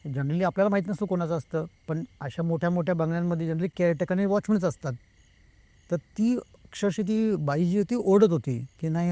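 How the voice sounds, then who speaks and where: Male guest storyteller, slightly high voice, mellow timbre, close dry recording. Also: dry recording. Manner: retells the talk of others himself, slipping between Marathi and Hindi. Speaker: guest telling a true ghost story. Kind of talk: casual storytelling.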